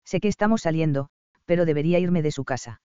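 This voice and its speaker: Narrador de audiolibro, tranquilo y parejo, voz un poco aguda, sonido sordo sin eco. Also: male voice, on the high side, quick pace, a little mellow, smooth, dry recording. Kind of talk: scripted narration of a romance novel. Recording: dull, dry audiobook recording.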